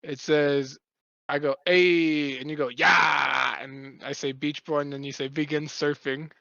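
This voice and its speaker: A young man chats on a podcast, telling a long, rambling story with plenty of swearing. His voice sits a bit high. The recording is dry and a little muffled. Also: monotone, normal speed, no room sound. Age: young adult. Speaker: podcast co-host. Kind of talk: casual podcast chat.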